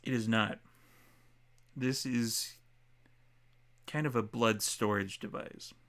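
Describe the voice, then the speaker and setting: A man's voice: lowish voice, steady tone, slow pace, gravelly, fairly bright tone, heavily acted. A man playing a haughty, exacting vampire patron in a tabletop game, with a condescending manner. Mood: haughty, dry. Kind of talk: tabletop role-play acting.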